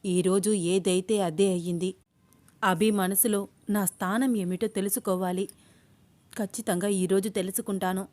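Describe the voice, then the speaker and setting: A woman's voice: medium pitch, fairly even intonation, moderate pace, darkish tone, close to an everyday voice. A woman voicing a scheming, jealous young woman in a spoken storybook. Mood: anxious.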